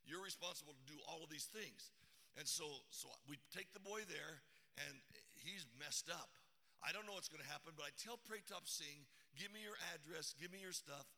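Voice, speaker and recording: Animated pastor telling a story in a big echoing hall. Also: male voice, on the high side, creaky. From Arizona. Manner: animated, dramatic retelling with sound effects. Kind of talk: sermon storytelling.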